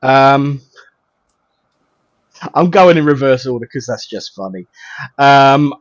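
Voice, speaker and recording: Male host, Estuary English accent, chatty and colloquial, mid-pitched, on dry, slightly dull online audio. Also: lively intonation, slow pace, no echo. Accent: southern English Estuary. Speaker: host of an online spiritual service. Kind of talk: informal welcoming of guests and viewers.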